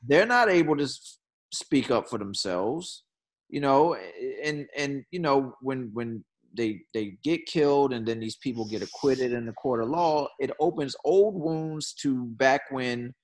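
Here an earnest man speaks casually in conversation, his pitch ordinary. Searching for what to say, he restarts and repeats words before launching into quick bursts of speech.

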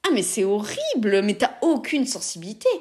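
A woman's voice: medium pitch, wildly swooping pitch, brisk, a little mellow. A woman putting on the voice of a judgmental woman who indignantly scolds someone for having no feelings, in an exaggerated, mocking manner.

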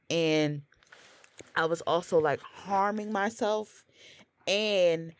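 Woman, 30s, podcast co-host, casual confessional chat, filler-heavy, lowish pitch, dry. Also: no echo. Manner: heavy use of "like" fillers, earnest and open.

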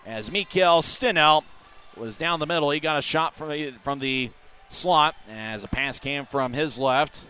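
A man calling rapid hockey play-by-play as the announcer, excitable and given to shouting on goals. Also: fairly high pitch, smooth.

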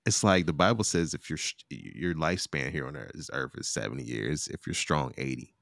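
A man's voice: rumbling low, animated, a little fast, creaky, fairly bright tone, no room sound, studio quality. A man in his late thirties chatting casually about scripture, laid-back and slangy, laughing often. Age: 30s. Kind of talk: casual Bible study chat.

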